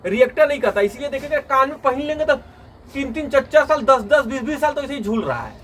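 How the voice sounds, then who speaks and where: A phone at a distance records a male tuition teacher whose pitch is extremely high, very animated and fast. He lectures a small class, quizzing students who answer back, with slight noise in the background.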